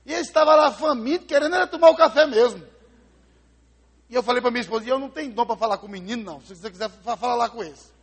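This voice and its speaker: Animated high-voiced preacher in a reverberant church. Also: male voice, racing, husky. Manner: animated storyteller, acts out quoted voices, swings from loud to hushed. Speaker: pastor. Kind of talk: sermon with storytelling. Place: church sanctuary. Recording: live in a large church with long reverb.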